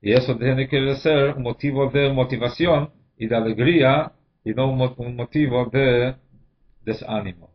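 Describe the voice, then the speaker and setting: Measured male rabbi on a dull recording. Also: medium pitch. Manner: measured, pauses often with "eh" while explaining. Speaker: rabbi teaching a class. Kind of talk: explanatory religious lesson.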